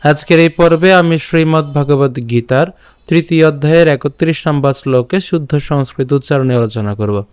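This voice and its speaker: A man teaching verse recitation, repeating each line slowly and breaking words into syllables. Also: a little high, a little mellow, smooth. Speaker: Gita teacher. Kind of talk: recitation lesson, slow syllable-by-syllable chanting.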